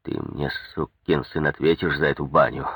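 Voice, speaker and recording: Furious, soaked officer shouting threats, read by a man; low, husky. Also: fairly even intonation, moderate pace, dry recording, studio quality, exaggerated voice. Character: angry soaked skinny male officer.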